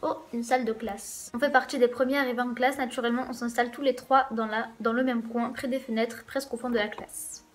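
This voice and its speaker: A woman's voice: a little high, steady tone, brisk, few pauses. A woman hosting a let's play, reading a visual novel's first-person narration aloud in a casual way with wry asides.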